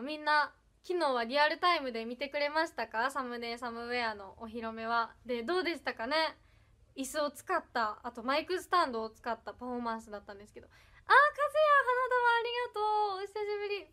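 A high, bright young woman speaks in an Iyo dialect with touches of Kansai, chatting casually on her livestream. She is bubbly and giggly and thanks viewers one by one. Her voice is crisp and lively. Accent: Iyo dialect with some Kansai. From Ehime, Japan. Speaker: idol livestreamer. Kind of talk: casual livestream chat reading comments.

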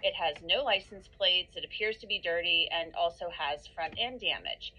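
A woman news reporter delivering a measured, informative broadcast update. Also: fairly low pitch, sharp tone, breathy edge, rough recording.

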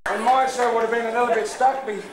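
Man, very high voice, dance announcer at a party, chatty, coaxing the crowd, echoey hall, far from the camera, crowd noise. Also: steady tone, fast. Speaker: dance performer. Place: large club function room at a party.

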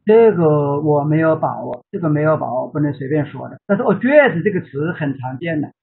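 Gravelly man explaining grammar on a call. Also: a little high, animated. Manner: measured explanations, hedged and modest. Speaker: teacher advising on grammar. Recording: phone-like online call audio.

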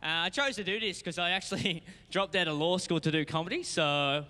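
A man's voice: high voice, steady tone, brisk, slight background noise. A young Australian man from rural Victoria doing laid-back, self-mocking stand-up comedy on a talent show stage. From Gippsland, Victoria, Australia. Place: big theatre stage before a live audience. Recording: reverberant hall, loud audience.

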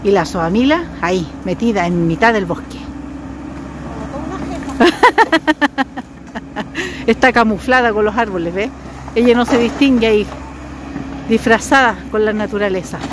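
A woman vlogging outdoors in a forest, chatting excitedly and addressing her viewers directly. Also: mid-range voice. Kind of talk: outdoor vlog to camera. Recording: noisy outdoor camera audio.

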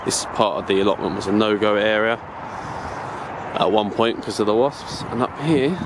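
An allotment vlogger with a voice on the low side, speaking at normal speed, gives a rambling, chatty tour of his plot and keeps correcting himself. It's recorded outdoors on his handheld camera, filmed from his own view, with steady noise in the background.

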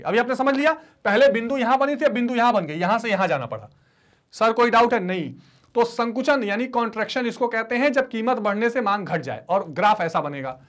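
A man's voice, very high and a bit bright, belongs to an economics teacher lecturing online. He relies on call-and-response, has students repeat terms, and weaves English terms into his talk while voicing their replies and answering them himself.

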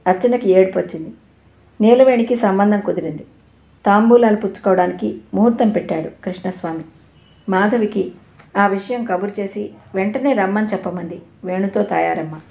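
Woman narrator, novel reading, gravelly, mellow dark tone, echoey room. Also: medium pitch, moderate pace. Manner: steady, expressive reading. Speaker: audiobook narrator.

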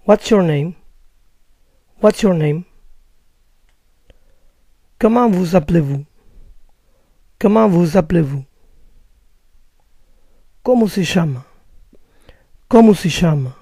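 A man leads a slow vocabulary drill, saying each phrase twice, and his somewhat high voice stays mellow. He speaks at a very unhurried, measured pace, recorded dry with no room echo. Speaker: language teacher.

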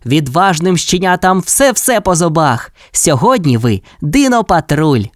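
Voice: mid-range voice, very animated, unhurried, dry recording, clean studio sound, pitched above the performer's own voice. A storyteller voicing a brave, cheerful boy who leads a team of rescue puppies in an audio fairy tale. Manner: cheerful, commanding.

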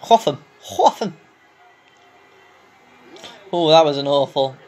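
A man giving casual, excitable commentary over a video game, exclaiming loudly at the action. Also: a little high, takes it slowly. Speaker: gameplay commentator. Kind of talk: casual let's-play commentary.

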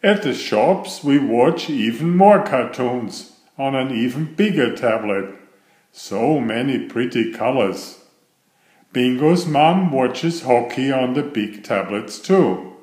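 A man reads a picture book aloud for children, his mid-range voice expressive and animated. He takes a slow, deliberate pace, and the room around him is noticeably echoey.

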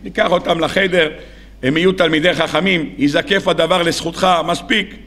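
A man's voice: fairly high pitch, steady tone, fairly bright tone. A man voicing a worn-out older father who brushes off his son's wish, in a retold sermon story. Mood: dismissive.

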